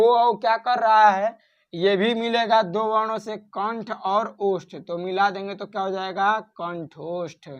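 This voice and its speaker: A male grammar tutor teaching in a classroom style, drilling students by asking questions and answering them himself, and chanting series of letters in rhythm. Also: sits high. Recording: dull lo-fi sound.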